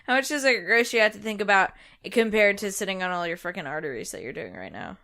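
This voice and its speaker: A woman's voice: mid-range voice, animated, quick pace, pushed and bright. A woman co-hosting a podcast, chatting casually and teasing, often laughing through her lines. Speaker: podcast co-host. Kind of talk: casual chat.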